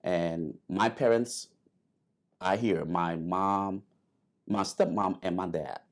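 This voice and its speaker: A man's voice: low-pitched, steady tone, takes it slowly. A man, a guest telling his story in an interview, hesitant with many fillers and restarts. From Liberia. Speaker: guest, airman.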